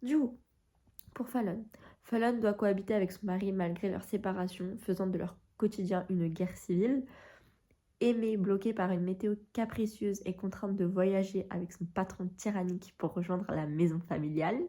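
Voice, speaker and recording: Mellow-voiced woman chatting about books. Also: mid-range voice, steady tone, normal speed. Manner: informal, slangy, rambling. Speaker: book vlogger. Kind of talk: casual chatty reading vlog.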